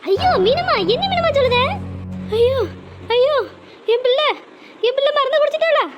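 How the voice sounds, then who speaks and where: A woman's voice: very high voice, a little fast, lo-fi sound, over loud music. A woman voicing a wailing village mother. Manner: wailing, lamenting in repeated cries. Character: grief-stricken village mother, middle-aged woman. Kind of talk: cartoon drama voice acting.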